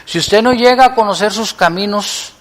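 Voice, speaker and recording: A man, preaching a sermon as pastor, moving between loud appeals and hushed prayer. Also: high voice, moderate pace, in a large hall.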